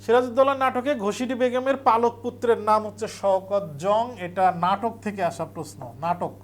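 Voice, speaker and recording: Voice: medium pitch, a little hiss or hum. Teacher, exam revision lecture, step-by-step explaining, repeats key points.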